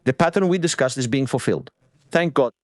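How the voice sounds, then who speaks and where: A man's voice: medium pitch, lively intonation, fairly quick, dry recording, studio quality. A man hosting a live stream, delivering breaking news commentary in an explanatory way, repeating points for emphasis.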